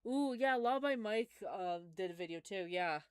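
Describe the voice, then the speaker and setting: A woman's voice: medium pitch, lively intonation, moderate pace, slight background noise. A young woman chatting casually on a live stream, answering chat in a rambling way with lots of fillers.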